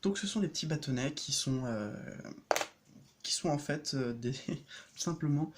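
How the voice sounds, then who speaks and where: A man's voice: on the high side, a little slow, background noise. A man, an energy practitioner, casually explaining his homemade rune deck on a vlog, hesitant and full of fillers, often chuckling.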